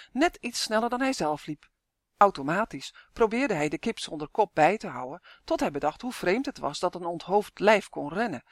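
An audiobook narrator reading a children's storybook in a lively, expressive way. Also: mid-range voice, dry recording, studio quality.

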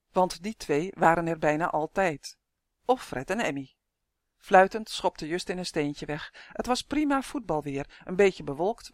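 A narrator reading a children's storybook aloud in a steady, clear telling. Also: mid-range voice, no room sound, clean studio sound. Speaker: audiobook narrator.

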